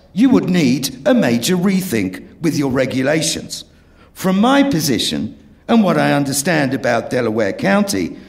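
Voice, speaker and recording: An impassioned man speaks out at a public hearing with punchy wordplay. His voice sits fairly high for a man and swings widely in pitch, which gives his words a lively, rousing lift.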